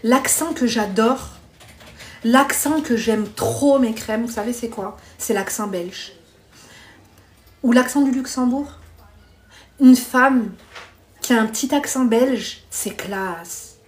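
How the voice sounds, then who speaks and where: A woman's voice: on the high side, takes it slowly, long pauses. A woman hosting a live stream, chatting bluntly with viewers, reading their comments and giving dating advice while calling them pet names.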